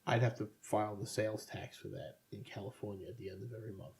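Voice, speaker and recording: A man's voice: fairly low pitch, steady tone, quick pace, darkish tone. A man co-hosting a casual podcast, rambling with sardonic asides. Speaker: podcast co-host. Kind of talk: casual chat.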